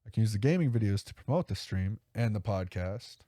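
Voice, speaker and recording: Male podcast host with a low, mellow voice, dry sound; rambles and corrects himself, upbeat. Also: expressive, a little fast, no echo. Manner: rambling, self-correcting, enthusiastic. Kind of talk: casual solo podcast talk.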